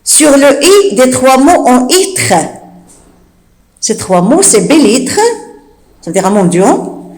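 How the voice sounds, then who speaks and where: A woman teacher giving a slow spelling lesson, repeating each rule and spelling out letters one by one, with the odd hesitant filler. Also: high-pitched, big pitch swings, a little mellow, reverberant, rough recording. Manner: fillers like "euh" and "d'accord". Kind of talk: slow classroom dictation lesson.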